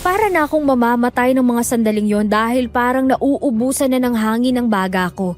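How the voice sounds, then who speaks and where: A woman tells a horror story in first person, with a measured, grave delivery and a slightly high voice. Faint music plays under the narration.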